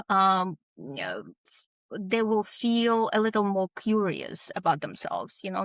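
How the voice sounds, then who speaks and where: This is an author guest chatting casually in an interview, a woman who immigrated at about twenty-two. Her voice sits at medium pitch and sounds fairly bright. The very dry recording carries her hesitant speech, with frequent fillers and false starts.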